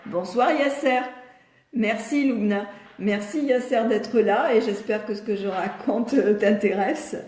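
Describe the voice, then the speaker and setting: A woman's voice: medium pitch, measured pace, darkish tone. Older woman, patient speech therapist. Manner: patient, step-by-step teaching tone. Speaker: speech therapist answering viewers' questions. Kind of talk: live video Q&A. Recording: echoey room.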